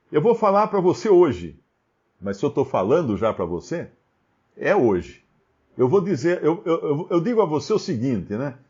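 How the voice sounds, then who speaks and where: A man giving casual, animated Bible commentary, firing off rhetorical questions. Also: medium pitch. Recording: dull lo-fi recording.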